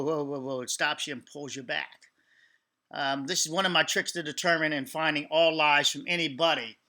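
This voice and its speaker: Male reaction host, mid-pitched and very sharp-toned, explaining off the cuff, halting.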